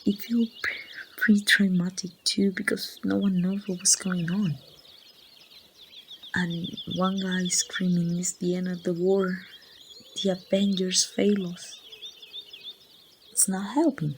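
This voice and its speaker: Against faint noise and birdsong, a woman with a Mexican accent, an amateur voice actor, whispers as a bereaved survivor addressing a lost loved one in ASMR roleplay. Fairly low-pitched, she recounts somberly in a slow, flat, creaky delivery with pauses.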